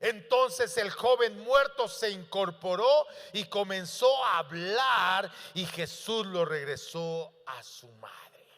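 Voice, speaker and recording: A male pastor preaching a sermon, building to loud emphatic peaks and asking the congregation questions. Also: sits high, lively intonation, slow. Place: church. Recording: long church hall reverb.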